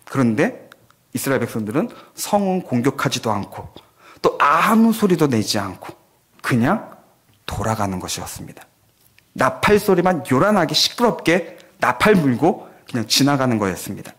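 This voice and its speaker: At a church prayer meeting, a pastor with a mid-range voice preaches at a moderate pace. He tells a vivid story with animation, acting out the voices of the people in it.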